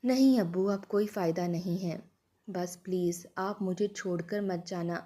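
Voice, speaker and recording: A woman's voice: lowish voice, warm tone, lightly acted. A woman voicing a young wife who has been beaten and pleads desperately to be believed. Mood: faint.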